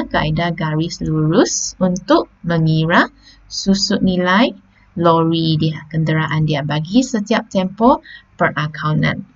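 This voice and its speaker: A woman's voice: lowish voice, dull audio. A Malaysian woman teacher taking students through a lesson step by step, often checking in with "okey" and "ha?". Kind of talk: classroom lesson on slides.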